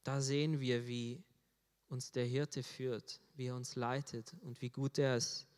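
A man's voice: medium pitch, little pitch movement, unhurried, a little mellow. A man preaching a sermon in an earnest way, rising in force on key phrases. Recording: long hall reverb.

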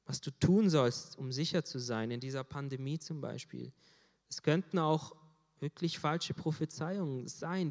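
A man preaching a sermon in an earnest way, rising in force on key phrases. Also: a little high. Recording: long hall reverb.

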